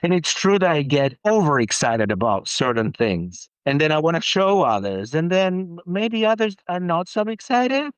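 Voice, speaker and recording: A man from Argentina, a perfumer, talking as a guest in a casual interview, halting with many restarts and growing animated when excited. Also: a little high, smooth, no echo, poor audio.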